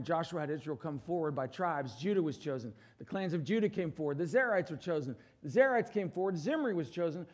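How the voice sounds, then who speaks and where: A middle-aged pastor stands on a church stage preaching, his voice moving between forceful, loud proclamations and subdued, low asides. He turns to the congregation and asks for their assent.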